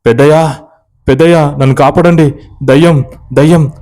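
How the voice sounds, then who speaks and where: A man voicing a scared village lad shouting. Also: medium pitch, steady tone, normal speed, close to an everyday voice. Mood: terrified. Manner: shouting, panicky. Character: frightened young village man shouting in the dark. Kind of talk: horror storytelling.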